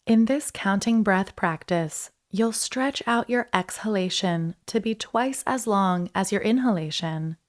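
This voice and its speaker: A woman instructor leading a guided breathing meditation in a soothing, unhurried way, leaving pauses between short instructions. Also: medium pitch.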